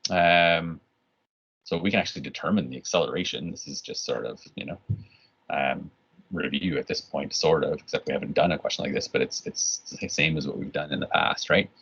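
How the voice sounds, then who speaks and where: Super low husky guy teaching physics online, keeps restarting, dull lo-fi sound. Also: fairly quick, a bit bright. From Canada. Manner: casual, rambling, lots of restarts and "right?". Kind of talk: recorded online lesson. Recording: dull lo-fi recording.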